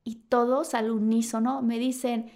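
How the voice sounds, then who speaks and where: A woman with a Mexican accent tells an anecdote on a talk show with a fairly high voice. She acts out quoted lines and laughs as she goes. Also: normal speed. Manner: lively storyteller who acts out quotes and laughs often. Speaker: guest. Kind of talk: animated anecdote telling.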